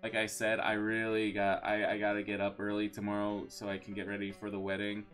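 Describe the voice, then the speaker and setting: Brief: low-pitched guy streamer, casual and grateful, lots of uh and restarts, faint music under him. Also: monotone, brisk, fairly bright tone. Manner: rambling and thankful, with many fillers and restarts. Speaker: live game streamer. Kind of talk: casual live-stream chat.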